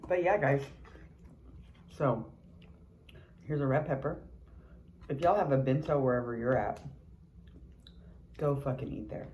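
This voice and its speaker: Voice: medium pitch, a little slow, long pauses, darkish tone, slight background noise, rough recording. A mukbang vlogger in a casual eating video, chatting between bites with lots of chewing murmurs and candid, sweary remarks.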